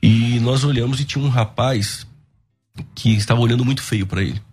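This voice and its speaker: A man telling his life story as a guest, unhurried, with pauses and restarts. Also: medium pitch, a little mellow, slightly rough, soft background music. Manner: recounts events, acting out quoted dialogue. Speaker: guest giving his testimony. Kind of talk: conversational storytelling.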